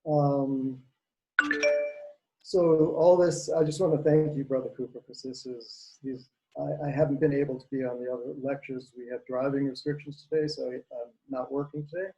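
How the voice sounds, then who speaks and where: Earnest man from Costa Rica, mellow voice. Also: mid-range voice, steady tone, dull audio, a little hiss or hum. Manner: earnest, halting, searching for words. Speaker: audience member asking a question. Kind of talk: question from the floor on a video call.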